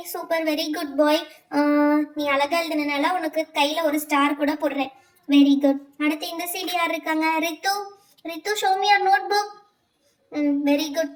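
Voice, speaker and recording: A woman's voice: very high voice, fairly bright tone, recorded from a distance. A woman voicing a strict, nagging female schoolteacher who lectures her pupils in a doll play. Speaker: teacher.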